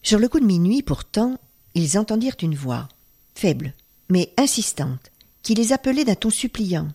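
Woman reading a folk tale with lively pitch. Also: moderate pace, breathy edge. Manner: expressive, hushed at tense moments. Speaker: storyteller.

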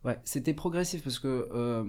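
In a radio studio, a young guest from Morocco, a native Arabic speaker, talks in a mid-range, slightly mellow voice at normal speed. He's casual yet thoughtful, hesitating often with lots of fillers and restarts.

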